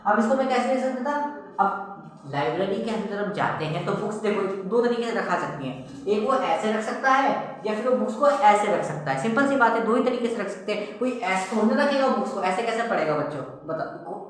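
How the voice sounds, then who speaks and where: A man's voice: high-pitched, lively intonation, fairly quick, distant mic. A man teaching maths, explaining step by step and asking his students questions that he then answers himself. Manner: asks the class questions and answers them himself, repeats "okay" and "simple thing". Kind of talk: explaining a whiteboard lesson. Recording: very echoey room, voice from off the mic.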